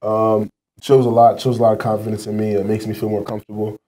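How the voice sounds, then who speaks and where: Young guy athlete after the game, talks fast and flat, dark low voice, lots of um. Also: low-quality recording. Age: young adult. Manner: low-key, fillers like um and uh. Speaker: college basketball player. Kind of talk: postgame interview answers. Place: press room in front of a team backdrop.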